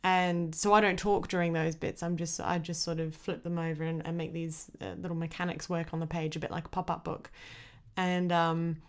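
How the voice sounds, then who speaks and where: An Australian woman, a comedian, chatting casually as a podcast guest, talkative and animated in her storytelling. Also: fairly low pitch, normal speed, smooth. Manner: chatty, with lively acted-out quotes.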